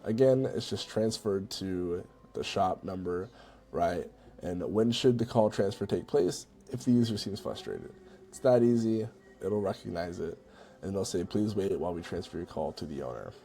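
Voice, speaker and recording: This tutorial presenter talks at a normal speed through a casual screen-recorded software demo, in an informal, conversational style peppered with "right?" and "you know." His voice is low and creaky with a mellow tone.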